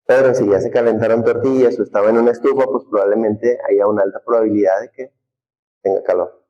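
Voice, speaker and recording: A man's voice: on the low side, steady tone, fast talker, warm tone, highs cut off. A man teaching a humanities class, talking conversationally and putting questions to the students. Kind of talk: classroom lecture.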